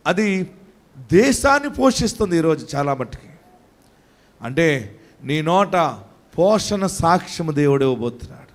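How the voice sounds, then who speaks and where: A man preaching a sermon as pastor, exhorting and commanding his congregation and at times rising to shouts. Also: high voice. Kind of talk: sermon with prayer.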